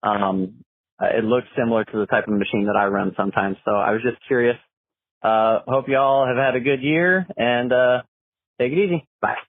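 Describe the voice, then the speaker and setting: Caller leaving a casual voicemail, thin phone-line sound, no room echo, loose rambling delivery. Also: male voice, mid-range voice, moderate pace. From South Florida. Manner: rambling, many ums, casual. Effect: leaving a voicemail over the phone.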